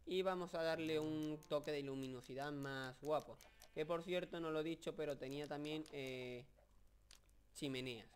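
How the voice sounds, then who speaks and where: A young man with a Spain Spanish accent giving casual, rambling video game commentary, joking and excitable, with many fillers. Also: on the high side, slight background noise. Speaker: gameplay commentator.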